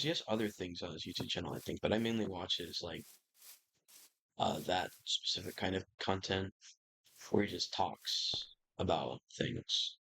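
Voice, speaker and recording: Young man, deep voice, gravelly edge, casual swearing, rambling gameplay chat. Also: fairly bright tone, rough recording. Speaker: gaming YouTuber. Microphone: computer microphone.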